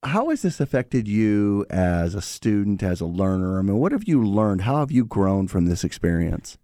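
A man's voice: lowish voice, big pitch swings, moderate pace, dark tone, no echo, studio quality. A man hosting an interview, asking questions in a friendly way and often agreeing with his guests. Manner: friendly, affirming, asks questions. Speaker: host.

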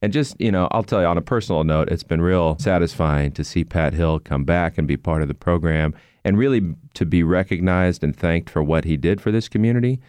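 A man's voice: deep voice, fairly quick, hardly any pauses, darkish tone, smooth, no echo. A middle-aged man, a sports announcer telling stories in an earnest, reflective way during an interview. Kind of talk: conversational interview.

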